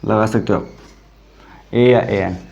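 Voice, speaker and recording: A man's voice: on the low side, fairly even intonation, slow, gravelly, a little mellow. Patient man teaching an English grammar lesson. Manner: explains step by step, asks "samajh mein aaya?"; calls students "beta", repeats "theek hai". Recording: dull lo-fi sound.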